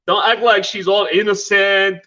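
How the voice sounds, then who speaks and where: A man with a high, bright voice argues his case in casual podcast chat, insistent and teasing. The sound is a little dull and lo-fi. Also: fairly even intonation, moderate pace. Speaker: podcast co-host.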